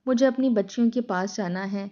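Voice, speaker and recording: A woman's voice: mid-range voice, warm tone, lo-fi sound, natural voice. A woman voicing a grieving mother driven mad by hunger and loss, in a tearful, pleading lament.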